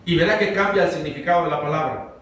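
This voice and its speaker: A man's voice: a little high, quick pace, fairly bright tone, slight background noise. A pastor teaching a verse-by-verse Bible sermon, talking conversationally and quizzing his congregation. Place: church sanctuary. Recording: very echoey hall, mic far off.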